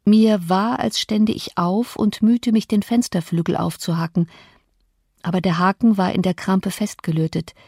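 A woman reading a classic novel as an audiobook narrator, measured and dramatic, on a close studio mic. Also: mid-range voice, steady tone, a little mellow, breathy edge, no room sound.

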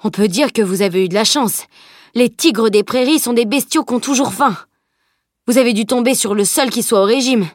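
A woman's voice: fairly high pitch, moderate pace, no echo, clean studio sound, voice pushed up, natural voice. A woman reading a plump, jovial middle-aged carter in an audiobook, with hearty exclamations and rustic speech.

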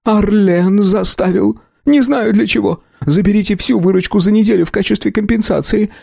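A man's voice: high-pitched, normal speed, vocal fry, dark tone, no room sound, clean studio sound, pitched above the performer's own voice. A man voicing a terrified male shopkeeper who stammers and pleads through tears, in a storybook reading. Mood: tearful.

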